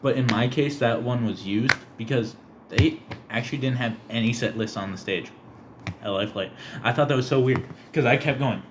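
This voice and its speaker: A young man co-hosting a casual podcast, telling stories animatedly and acting out quotes in a squeaky high voice. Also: moderate pace, background noise. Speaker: podcast co-host. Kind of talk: casual chat.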